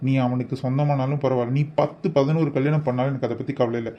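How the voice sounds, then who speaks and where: In cartoon voice acting, a man plays an obsessive kidnapper pressing a married woman to marry him, talking fast in a steady, medium-pitched voice that's lightly acted and lo-fi. He's insistent, wheedling, and possessive, scolding her and then pleading.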